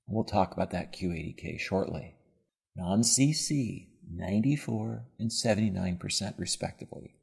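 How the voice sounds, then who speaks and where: A man giving a scripted slide lecture as a medical presenter, in a measured, formal delivery. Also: fairly low pitch, vocal fry, breathy edge.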